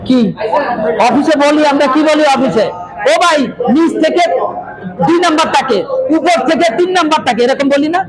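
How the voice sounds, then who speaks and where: A man's voice: very high voice, normal speed, a crowd in the background, rough recording. A man teaching a Quran recitation class, drilling his students in call-and-response and often raising his voice. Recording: loud class and room noise.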